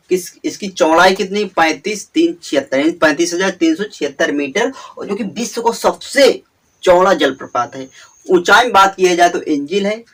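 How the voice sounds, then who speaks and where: A man's voice: fairly high pitch, recorded from a distance. A man with a slightly raised voice talks through memory tricks for exam students. He leans on repetition and stretches words out for emphasis. His voice sits a little back from the microphone. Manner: repetitive, drawn-out emphasis, frequent "theek hai". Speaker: teacher.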